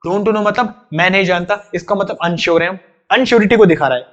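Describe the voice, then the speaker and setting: Male tutor with a Hindi accent, high voice, drills exam rules over and over to students; slightly muffled recording. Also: brisk, fairly bright tone. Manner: repeats rules insistently, addresses students directly. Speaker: English grammar teacher. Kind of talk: exam-prep grammar lesson. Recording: slightly dull, lo-fi sound.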